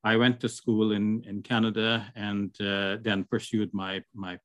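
Older man from Guyana, halting guest on a video call, dry sound. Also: on the low side, flat delivery, no room sound. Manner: hesitant, many fillers and restarts. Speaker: guest, Islamic scholar. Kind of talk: casual interview over video call.

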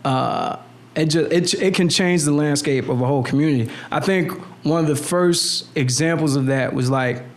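At normal speed and fairly high pitch, a man in his thirties chats as a guest in a casual conversation. His talk is slangy and rambling, with many restarts and repeated "you know what I'm saying."

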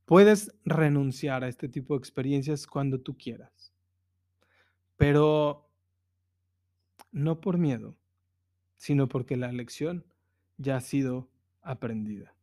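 A man's voice: medium pitch, slow pace, long pauses, warm tone. A man hosting a spiritual self-help podcast, telling a personal story earnestly with emphatic repetitions. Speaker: podcast host.

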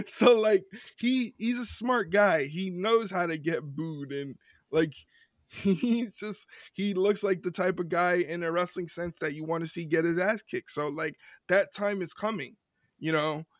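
A man co-hosting a casual wrestling podcast, ranting with lots of repeated words and quick laughs. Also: high-pitched, no echo, clean studio sound. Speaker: podcast co-host.

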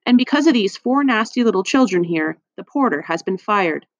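A woman's voice: mid-range voice, expressive, normal speed, no echo, natural voice. A woman voicing a cruel, spiteful hospital matron with a cold, scornful manner. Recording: dry, slightly muffled.

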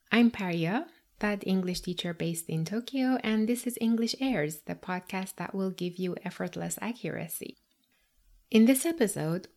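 A woman teaching a scripted podcast lesson, addressing the listener directly with guiding questions and pauses. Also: medium pitch, a little mellow. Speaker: English teacher and podcast host.

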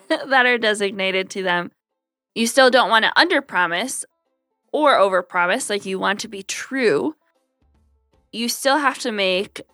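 A woman's voice: medium pitch, bright, forceful tone, no echo. A woman hosting a podcast, talking in a casual, conversational way to her listeners. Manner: conversational, voices imagined quotes. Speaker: podcast host. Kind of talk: casual solo podcast talk.

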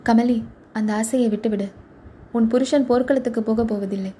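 A woman reading the part of a proud, short-tempered male royal charioteer in a storybook, with a gruff, scolding manner. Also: fairly high pitch, steady tone, normal speed, warm tone, slight background noise, close to an everyday voice. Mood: bitter.

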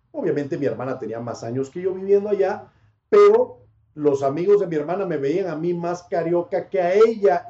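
A Panamanian sports commentator with a high, warm voice chats reflectively in a casual interview, laughing often. The recording sounds dull and lo-fi, in an echoey room.

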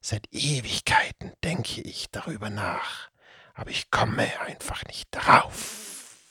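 A man voicing a sly male Tatzelwurm, a cat-headed serpent creature in a told fairy tale, speaking in a slow hissing whisper. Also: fairly low pitch, expressive, pushed and bright, slightly rough, dry recording, clean studio sound, exaggerated voice.

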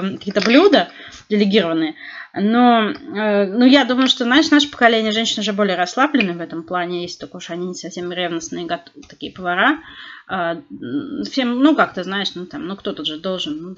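A woman's voice: lowish voice, lo-fi sound. A middle-aged woman in casual chat, talking animatedly with lots of fillers and restarts. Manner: chatty, animated storytelling with frequent fillers and restarts.

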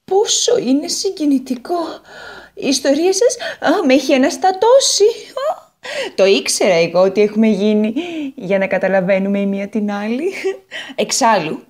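A woman voicing a vain, chatty, naive female potato in a children's storybook read on the radio, talking in a gushing, excitable way. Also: lightly acted. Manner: gushing and excitable, high and lively.

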